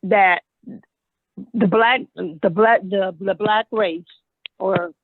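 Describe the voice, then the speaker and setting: A middle-aged woman speaking earnestly as a panel guest, halting and searching for words. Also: medium pitch, no room sound. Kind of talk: online panel discussion. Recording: tinny phone-line audio.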